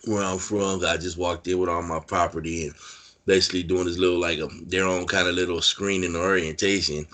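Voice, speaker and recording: Deep-voiced man telling prison stories. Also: level tone, fairly quick, a bit bright. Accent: Californian. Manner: rambling, filler-heavy street talk. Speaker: interview guest, former prisoner. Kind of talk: casual storytelling interview.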